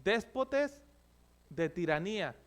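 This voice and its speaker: High-voiced pastor preaching. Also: male voice, sing-song, takes it slowly, a bit bright. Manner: explains word meanings to the congregation, addressing them as brothers. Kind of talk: sermon.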